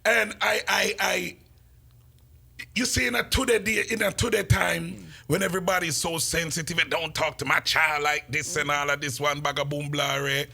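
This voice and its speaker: Gravelly radio host man. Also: fairly high pitch, level tone, normal speed, pushed and bright. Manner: laid-back, joking, drops into patois. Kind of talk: casual radio chat.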